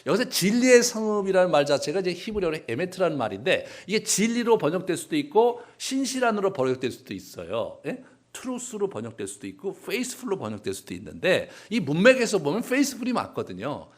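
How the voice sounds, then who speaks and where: A male pastor delivering a sermon in a chatty, joking manner, slipping into acted voices now and then. His voice sits a little high for a man and rises and falls a great deal. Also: very animated, quick pace, hardly any pauses. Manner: humorous, conversational, acts out voices.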